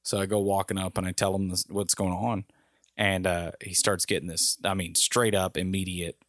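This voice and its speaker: Low-voiced man telling a story. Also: normal speed, no echo, clean studio sound. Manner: animated storyteller, raising his voice when quoting people. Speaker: podcast co-host. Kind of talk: casual storytelling chat.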